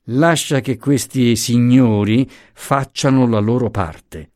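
A man voicing a protective young husband and father in an audiobook, speaking in a restrained, low voice through gritted teeth. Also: slow pace, a little mellow, no echo, studio quality, natural voice. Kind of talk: audiobook character voice.

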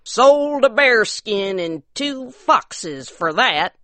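A woman's voice: on the high side, big pitch swings, very slow, fairly bright tone, voice pushed up, full character voice. A woman doing a mournful poor mountain husband. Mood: glum. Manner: plain rustic backwoods speech.

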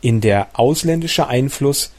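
A man with a mid-range voice narrates a translated nonfiction book aloud. He keeps a measured, even pace and occasionally corrects himself.

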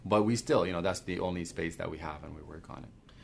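Male guest from Sudan, very low voice, halting and repetitive, faint background noise. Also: gravelly. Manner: repeats words while thinking, many "you know"s. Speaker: guest cartoonist. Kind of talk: conversational interview answers.

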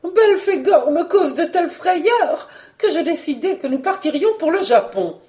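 A woman reading a storybook voices a hysterical, demanding rich baroness in a raised, shrill tone. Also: expressive, slow pace, darkish tone. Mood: agitated.

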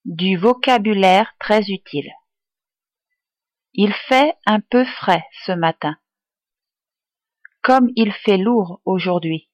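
A woman tutor reading useful phrases aloud for learners, enunciating each one clearly and deliberately. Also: mid-range voice, no echo. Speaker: language tutor.

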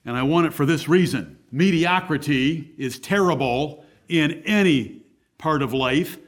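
A man's voice: fairly high pitch, unhurried. A man preaching a sermon as pastor at a pulpit microphone, emphatic and blunt.

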